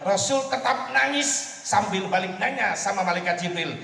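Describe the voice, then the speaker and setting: A male preacher giving a humorous sermon at an evening religious gathering, moving between loud punchlines and hushed storytelling. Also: high voice, lively intonation, normal speed, creaky. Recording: echoey hall, voice far off, faint ambience.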